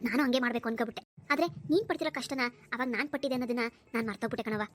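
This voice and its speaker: In a cartoon dub, a woman plays an elderly village mother-in-law who first scolds and then comforts her daughter-in-law, firm yet motherly and consoling. Her natural voice is fairly high and slightly bright, and she speaks very quickly.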